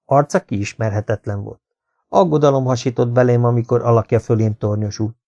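A man reading a first-person audiobook story in a calm, measured way. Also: mid-range voice, no echo, highs cut off. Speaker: audiobook narrator. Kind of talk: scripted first-person narration.

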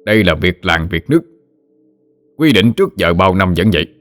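A man voicing a brutal middle-aged village chief who speaks hoarsely and barks threats in a told story. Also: low voice, expressive, moderate pace, a bit bright, dry recording, faint music behind. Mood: bullying. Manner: bullying, barking threats.

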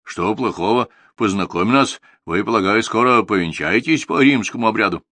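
A man's voice: lowish voice, moderate pace, pushed and bright, dry recording. A man voicing a mild, wry middle-aged father with a dry, teasing manner.

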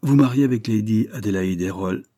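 A man reading aloud voices a timid, anxious young woman in a Victorian audiobook, slipping into a hushed near-whisper. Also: fairly low pitch, brisk, no echo, clean studio sound, natural voice.

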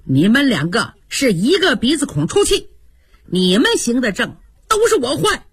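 A woman voicing a vain, petulant young nobleman who blusters and whines, with a husky voice. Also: fairly high pitch, sing-song, moderate pace, no echo, full character voice. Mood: blustering. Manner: blustering, whiny, boastful.

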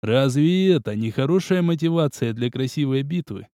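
A man's voice: mid-range voice, expressive, mellow, no echo, studio quality, close to an everyday voice. A man voicing a stern, cunning male military academy instructor who speaks formally. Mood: cold, formal. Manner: measured, cold, formal.

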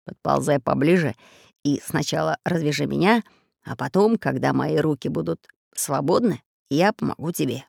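A stout red-bearded pirate grumbles in a hoarse, scheming tone, as a woman narrator puts him on, her voice pulled down low. It is read close and dry for an audiobook. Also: normal speed, darkish tone, no echo, full character voice. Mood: gruff. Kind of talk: audiobook character voice.

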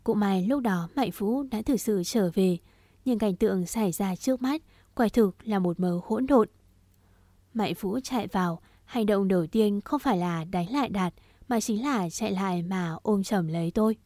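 Một người phụ nữ kể truyện ở ngôi thứ nhất, giọng giàu cảm xúc và kịch tính. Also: female voice, mid-range voice, normal speed, dark tone, no echo. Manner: emotional, dramatic telling. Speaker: story narrator. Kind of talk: first-person story narration.

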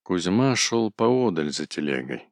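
A man narrating a classic story in a steady, measured reading. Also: low-pitched, dry recording, studio quality.

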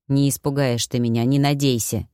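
A woman's voice: very deep voice, little pitch movement, normal speed, mellow, clear, resonant tone, dry recording, studio quality, pitched below the performer's own voice. A woman voicing a cocky, self-assured immortal young man in an audiobook, giving firm orders. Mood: teasing. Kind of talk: audiobook character voice.

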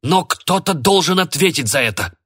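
A man voicing a stern, angry father who speaks in sharp, cold, clipped lines in a spoken storybook. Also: medium pitch, expressive, moderate pace, husky.

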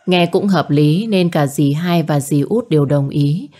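Low, mellow woman narrating. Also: measured pace. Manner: voices characters by raising pitch for shouted lines. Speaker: storyteller. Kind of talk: scripted narration.

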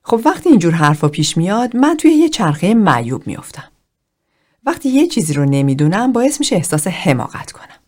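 A woman reading the part of a plainspoken, self-conscious young man who talks in a frank, halting way. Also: lowish voice, sing-song, a little mellow. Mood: candid.

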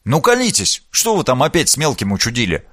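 A man's voice: medium pitch, huge pitch swings, brisk, a bit bright, no echo. Audiobook: male reader plays a mocking elder brother, close to his own voice, dry booth. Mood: relaying. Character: mocking, teasing young man, elder brother.

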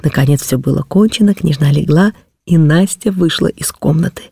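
Woman, audiobook narrator, classic novel, measured expressive reading, gravelly voice, dry close sound. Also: deep voice, no echo.

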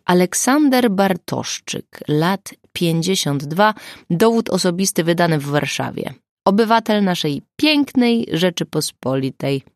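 A woman voicing a grumpy, sarcastic older male forensic pathologist in an audiobook, talking in a gruff grumble. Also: lowish voice, expressive, a little slow, dry recording, clean studio sound. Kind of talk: audiobook character voice.

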